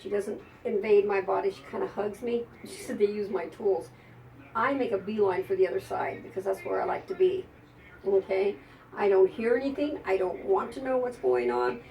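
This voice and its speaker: An older woman recounts her readings in a chatty, meandering way, laughing as she goes. Her voice is gravelly and mellow. The mic sits some way off, with faint noise behind her. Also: medium pitch, fairly even intonation, moderate pace, far from the mic, rough recording. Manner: chatty, rambling anecdotes with frequent laughs. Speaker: psychic. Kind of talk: storytelling to an audience.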